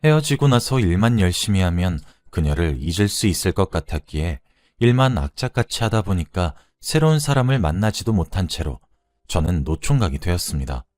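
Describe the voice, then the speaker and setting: A man in his thirties telling a personal love story in the first person, calm and reflective. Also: low-pitched, fairly quick, no room sound. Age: 30s. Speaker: narrator. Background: faint background music.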